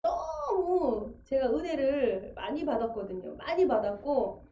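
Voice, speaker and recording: In a church sanctuary, a woman preaches a testimony sermon, telling her story vividly and acting out the voices she quotes. Her high voice swings widely in pitch and moves a little slowly. The echoey church livestream sounds dull.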